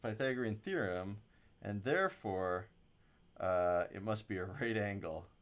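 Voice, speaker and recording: A man teaching physics on a casual livestream, chatting and muttering to himself about a slow stream while he works through homework questions. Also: lowish voice. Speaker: physics instructor.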